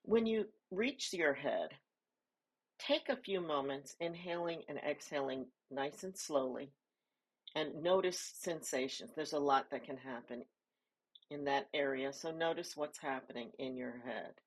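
A woman leading a guided body scan meditation, giving soft, calm instructions with pauses between phrases. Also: low-pitched, low-quality recording.

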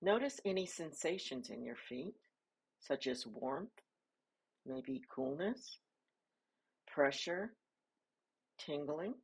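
This woman's husky voice sits low as she walks listeners through a body scan meditation. Her instructions are soft and calm, separated by pauses.

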